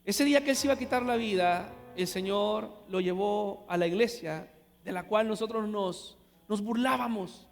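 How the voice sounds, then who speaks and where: A man with a Honduran accent preaching a sermon, telling a story and swinging from hushed lines to loud exclamations. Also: sits high, moderate pace. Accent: Honduran Spanish. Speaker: pastor. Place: large church hall. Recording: live church hall reverb with music.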